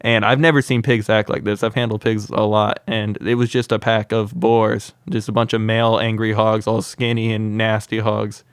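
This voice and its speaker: Guesting on a podcast, a young wildlife content creator tells lively, wild stories at a normal speed with few pauses, using "like" a lot. His lowish voice is clear and resonant, recorded in studio quality with no echo.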